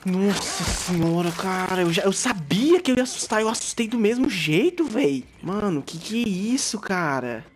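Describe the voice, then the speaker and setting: Jumpy Brazilian gamer yelping at scares. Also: male voice, high-pitched, sing-song, moderate pace, hardly any pauses, slight background noise. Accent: Brazilian Portuguese. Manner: jumpy, yelps and shouts when startled, slangy and swearing. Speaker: gaming YouTuber. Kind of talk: let's play commentary.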